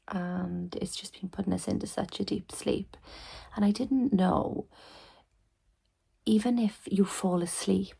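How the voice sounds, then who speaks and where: A tired young woman chatting softly to camera from her bedroom at night, often half-whispering in a sleepy, rambling way. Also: medium pitch, vocal fry, slightly rough. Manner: soft, rambling, sleepy talk with many ums. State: tired, yawning. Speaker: family vlogger.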